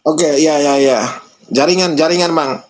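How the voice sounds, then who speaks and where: A man's voice: on the high side, steady tone, unhurried, rough recording. Give me a man in an online debate whose call keeps breaking up and dropping out; he repeats words insistently to be heard. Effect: choppy online call with the sound dropping out. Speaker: debate caller.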